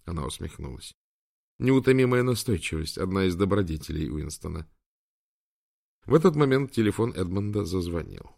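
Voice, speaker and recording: A man reading an audiobook in a measured, even scripted narration. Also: sits low, vocal fry.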